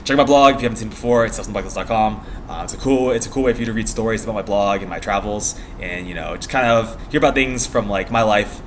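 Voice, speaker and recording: A man's voice: fairly low pitch, fast talker, few pauses, a little hiss or hum. A young American man chatting casually in a vlog, rambling in a meandering, giggly way and often trailing off mid-thought. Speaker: vlogger.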